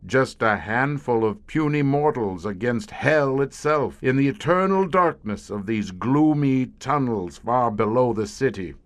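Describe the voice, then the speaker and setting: For an audio horror drama, a male actor voices a grim scientist and veteran leader of a covert monster-hunting squad, with a deliberate, erudite, brooding storyteller's delivery. His medium-pitched voice is animated, has no echo and is close to everyday speech, and his mood is grim and haunted.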